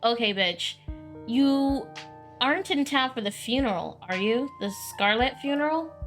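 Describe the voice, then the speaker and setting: Brief: woman let's-play host, sassy and quick to laugh, fairly high voice, faint music underneath. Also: lively intonation, a bit bright. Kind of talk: reading and playing a visual novel.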